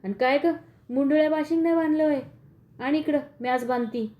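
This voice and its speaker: A woman's voice: high-pitched, brisk, dull audio, pitched above the performer's own voice, close to an everyday voice. A woman voicing a sinister older village woman who coaxes and mocks a young bride in a horror story. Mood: coaxing, sinister.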